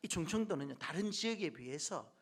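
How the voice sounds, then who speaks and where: A middle-aged male pastor preaching a sermon in a church, joking with the congregation and dropping from loud calls to near-whispered asides. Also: a little high, animated, fairly quick, slightly rough. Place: church sanctuary.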